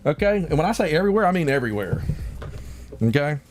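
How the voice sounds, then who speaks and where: Animated male guest telling a story. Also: a little high, quick pace, faint music behind. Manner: animated, acts out the voices in his stories. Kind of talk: casual storytelling.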